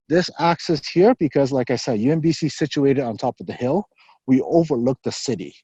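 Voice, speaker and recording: A man's voice: medium pitch, dark tone, slightly rough, no echo, dull audio. A man from the university staff guiding a live virtual campus tour and answering questions, explanatory and a little out of breath from walking. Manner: explanatory, frequent "um" and "so".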